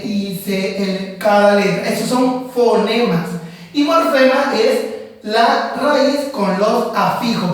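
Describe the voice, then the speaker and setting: Man, teacher, recorded lesson, deliberate explaining, roomy echo, distant mic. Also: extremely high pitch. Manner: slow, deliberate explaining with examples. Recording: echoey room, voice far from mic.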